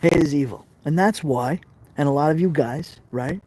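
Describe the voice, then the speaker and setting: Speaking at normal speed in a fairly high, warm voice, a middle-aged man with a Brooklyn accent chats his way through a casual live stream. He's from Brooklyn, New York, reads viewer comments, talks right to his audience and tends to repeat himself.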